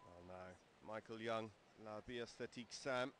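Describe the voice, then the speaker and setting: A man giving steady, informative commentary on an outdoor equestrian event. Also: on the low side. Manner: measured, informative, steady delivery. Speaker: lead commentator. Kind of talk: sports commentary. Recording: outdoor broadcast with crowd noise.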